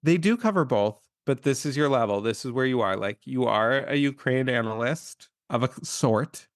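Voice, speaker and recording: A man's voice: mid-range voice, expressive, normal speed, no echo. A man co-hosting a chatty podcast, dry and wry, rambling his way through his points. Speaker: podcast co-host. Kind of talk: casual chat.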